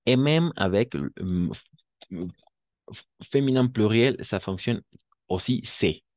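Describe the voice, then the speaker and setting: A man with a deep, low voice teaches a French class. He explains pronunciation patiently, saying example words slowly and stopping often to check that students follow. The recording is close and dry, with no room sound. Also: lively intonation, darkish tone, no room sound.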